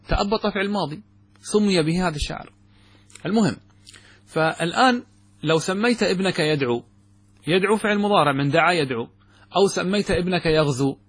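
A man's voice: fairly high pitch, a bit bright, husky, no room sound. A man teaching Arabic grammar in a lecture. He reads from the text, then explains it and asks his listeners rhetorical questions.

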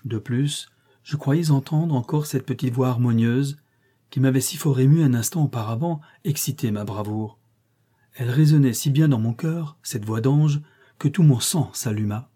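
A man narrating a classic short story in the first person, reading in a measured, literary manner. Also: mid-range voice, dark tone, slightly rough. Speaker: audiobook reader.

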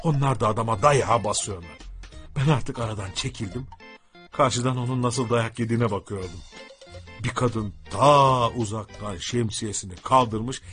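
A man telling a humorous story aloud in a lively, dramatic manner. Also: mid-range voice, normal speed, faint music behind.

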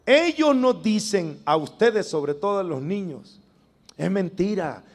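Slow, high-pitched emphatic male preacher. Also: sing-song. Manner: emphatic, drawn-out phrasing, calls for congregation to repeat. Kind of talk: sermon.

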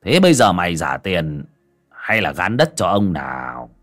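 A man's voice: sits low, big pitch swings, moderate pace, fairly bright tone, faint music behind, pitched below the performer's own voice. Man doing a cruel sneering moneylender. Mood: cold, menacing. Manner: sneering, barking insults and orders. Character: cruel wealthy moneylender man, scornful, bullying.

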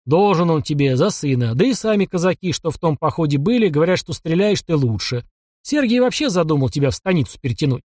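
A man voicing a stout, tired older constable who talks gruffly and grumbles. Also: a little high, sing-song, fast talker, a little mellow, no echo, studio quality. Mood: grumbling. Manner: gruff, mutters and sighs.

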